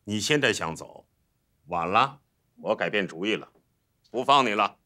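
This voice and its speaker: An actor playing a stern military commander who gives curt orders and mocks. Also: male voice, on the low side, expressive, moderate pace, bright, forceful tone.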